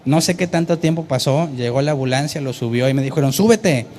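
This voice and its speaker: A man, preaching a sermon and telling a story with lively, acted-out voices. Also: medium pitch, fast, slight background noise. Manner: animated storytelling, acting out quoted voices. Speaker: pastor.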